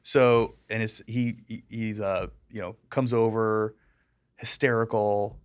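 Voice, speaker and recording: A man's voice: lowish voice, slow pace, clear, resonant tone. A middle-aged American man, a deputy and digital safety educator, telling stories casually in an interview, full of fillers and acting out the people he quotes. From United States. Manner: animated, lots of fillers, acts out quoted people.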